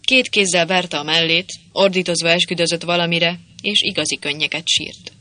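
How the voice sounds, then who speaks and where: An audiobook narrator reading a comic story in a clear, even storytelling manner. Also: mid-range voice, no echo. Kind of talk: scripted narration.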